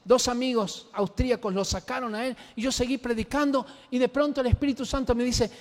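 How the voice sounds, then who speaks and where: A man preaching a sermon, telling a personal story in an animated, emphatic way. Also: extremely high pitch, brisk. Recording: long reverb of a large hall.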